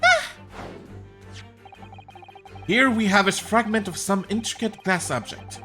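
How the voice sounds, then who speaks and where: A woman voicing a pompous, theatrical male gentleman detective in a fan reading of a game, declaiming in a lively, bright voice. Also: mid-range voice, slow pace, soft background music, pitched above the performer's own voice. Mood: grandiose. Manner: grandiose, declaiming.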